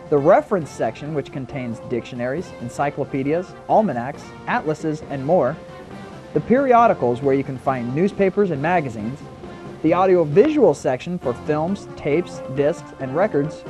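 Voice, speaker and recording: Flamboyant carnival barker played by a man, lively sing-song patter, faint music underneath. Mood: announcing. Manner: booming, showy announcer patter. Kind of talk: scripted educational film.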